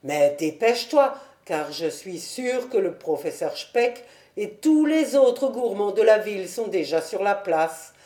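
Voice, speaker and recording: A woman voicing a jovial, generous man who calls out loudly, read for a storybook recording. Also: mid-range voice, animated, a little slow, few pauses, echoey room, natural voice. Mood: hearty. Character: jovial hearty bachelor host, generous man.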